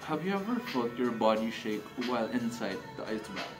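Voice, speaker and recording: A man's voice: medium pitch, expressive, a little fast, music in the background. A young man with a Filipino accent chatting casually while shivering in an ice bath, breathing out in gasps and sighs. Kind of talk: casual chat. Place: indoor room, in an ice bath.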